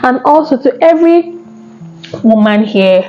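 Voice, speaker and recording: A woman's voice: high voice, expressive, a little slow. Earnest woman vlogger. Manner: earnest, conversational, asks viewers questions. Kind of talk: personal story and advice to camera. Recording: slightly dull sound with faint background music.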